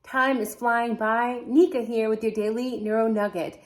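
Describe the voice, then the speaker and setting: In a casual to-camera true crime vlog, a woman speaking English as a second language muses to herself and asks her viewers things. Her voice is slightly high and steady, at a moderate pace.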